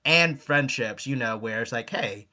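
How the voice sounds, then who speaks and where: Bright-voiced man, animated podcast host. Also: medium pitch, normal speed. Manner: animated, acts out quoted voices. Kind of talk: casual chat.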